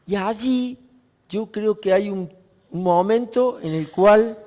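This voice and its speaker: A man preaching a Sunday sermon, reflective and unhurried, often pausing and restarting his sentences. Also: high voice, darkish tone, big-room sound. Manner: reflective, with many pauses and restarts.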